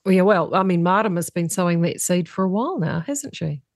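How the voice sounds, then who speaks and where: A woman's voice: on the low side, animated, a little fast, no room sound, clean studio sound. A woman with a broad New Zealand accent, talking conversationally as an interviewer.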